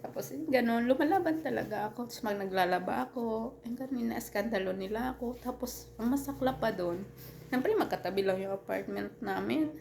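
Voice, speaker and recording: A woman telling a personal story in casual storytime style, halting with many restarts and fillers, earnest and turning heated at times. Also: fairly high pitch, vocal fry, darkish tone, slight background noise.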